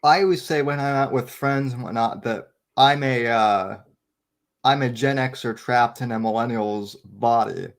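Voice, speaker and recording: A man's voice: medium pitch, unhurried, gravelly. A man in his twenties in a casual panel chat, talking in an earnest, rambling way. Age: 20s. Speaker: panel guest.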